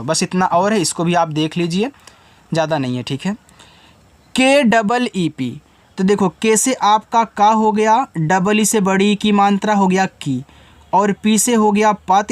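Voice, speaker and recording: Patient teacher slowly spelling out words. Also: medium pitch, no echo. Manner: spells letters slowly, then explains and quizzes students. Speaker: English teacher. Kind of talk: spelling lesson, sounding out English words.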